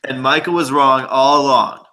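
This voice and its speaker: Young man, live stream host on a video call, bright tone, jokey and quick to laugh. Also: mid-range voice, fairly even intonation, low-quality recording. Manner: joking, laughs often. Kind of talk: casual group video chat.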